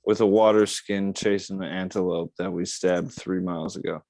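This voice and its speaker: A man's voice: low-pitched, steady tone, normal speed, mellow, dry recording. A young man hosting a casual podcast chat, loose and profane, riffing and joking with his guest. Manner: loose, profane, riffing with put-on voices and bursts of laughter. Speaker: podcast host.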